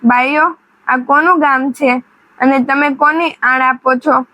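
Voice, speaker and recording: A woman's voice: sits high, fairly even intonation, takes it slowly, bright, forceful tone, dull audio, full character voice. A woman voicing a kind, commanding male king in a folk tale, reassuring and authoritative.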